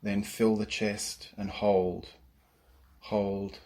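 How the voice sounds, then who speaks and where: A yoga nidra teacher guides a relaxation session, his voice sitting on the low side. He speaks calmly and soothingly, leaving long pauses between instructions.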